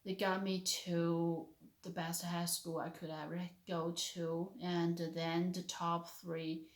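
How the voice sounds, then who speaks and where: Speaking English with a Chinese accent, a Chinese vlogger and stay-at-home mom in her thirties gives a sincere testimony about her faith, hesitating as she hunts for words. Her lowish voice stays level, and the space is reverberant.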